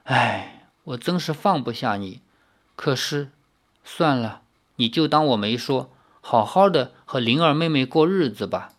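A storyteller voicing a wistful young woman warrior who speaks softly and quietly, in an audiobook reading. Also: medium pitch, measured pace. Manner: soft, quiet and subdued.

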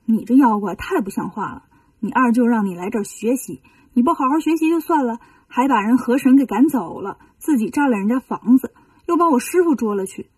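Woman doing a cocky monkey king, storybook, brisk, fairly high voice, breathy. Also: animated, darkish tone, no room sound, distant mic. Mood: scolding. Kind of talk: children's storybook reading.

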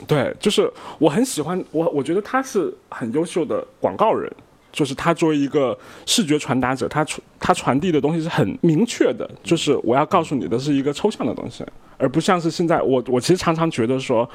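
A man's voice: fairly high pitch, animated, fairly quick, slightly rough. A man in casual discussion, questioning and argumentative, with a slight lisp and leaking air from the braces on his teeth.

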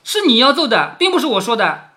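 Man voicing a sharp, quick-tongued young noblewoman in a storybook reading, bright and lively. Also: extremely high pitch, pitched above the performer's own voice, full character voice. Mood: teasing.

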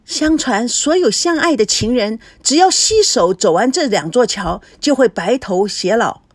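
A woman reading the part of a spoiled, jealous teenage girl who taunts and shouts. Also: a little high, lively intonation, measured pace, no echo, clean studio sound. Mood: coaxing. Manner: taunting, sharp-tongued.

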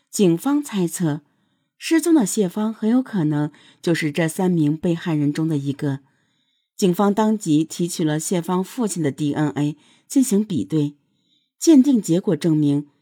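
Woman, true crime narration, dramatic storytelling, lowish pitch, dry close sound. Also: warm tone, no echo.

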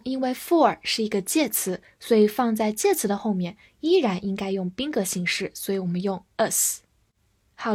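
A young woman teaching English vocabulary, speaking clearly and spelling words out letter by letter. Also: fairly high pitch, a little mellow. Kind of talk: vocabulary lesson.

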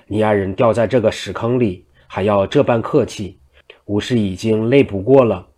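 A man's voice: fairly low pitch, moderate pace, darkish tone, lightly acted. A man reading a frank young woman. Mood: fed up. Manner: chiding, reasoning with proverbs.

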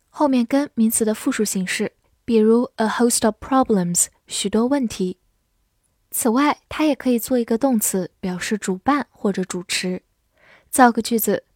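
A woman teaching vocabulary in a scripted lesson, her voice pitched a little high and her pace very slow. She spells each word out letter by letter and reads the example sentences with care. The recording is dry and close, with no room sound. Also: a little mellow, dry recording.

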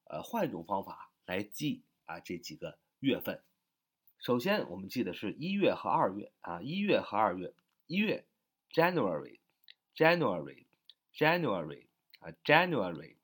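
A man teaching English vocabulary in a recorded online lesson, spelling each word letter by letter and padding his phrases with short fillers. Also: on the low side. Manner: spells words letter by letter, stretches and repeats them slowly; frequent filler "啊" and "呃" between phrases.

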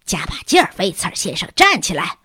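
A woman's voice: fairly low pitch, wildly swooping pitch, brisk, pushed and bright, slightly rough, no echo, studio quality, full character voice. A woman voicing a stern, commanding female leader who talks in brusque orders.

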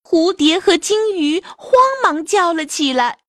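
High-voiced woman telling a children's story. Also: unhurried, no echo, clean studio sound. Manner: lively, expressive.

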